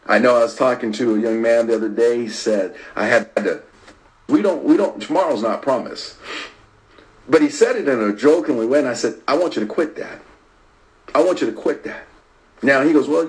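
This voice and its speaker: A man preaching a sermon, repeating phrases for emphasis and swinging between loud stress and near-whispers while talking to online viewers. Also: medium pitch, poor audio. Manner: repetitive and emphatic, rising to stress and dropping to a hush.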